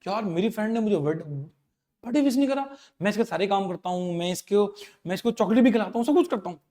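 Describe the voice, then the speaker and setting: A man's voice: sits high, expressive, fast talker, mellow. A male teacher voicing a hurt, stubborn young male college student in a classroom story, complaining and then pleading.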